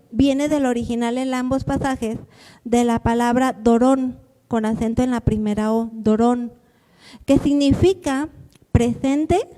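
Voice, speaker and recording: Woman preacher, high mellow voice, earnest sermon delivery, church hall reverb. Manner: earnest, reads scripture slowly and deliberately.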